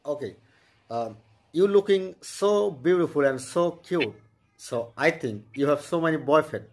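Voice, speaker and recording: Brief: man, twenties, English learner, hesitant, higher-pitched. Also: slight background noise. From Bangladesh. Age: 20s. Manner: halting, repeats okay, flattering. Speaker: channel host practicing English. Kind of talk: casual chat. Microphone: video call.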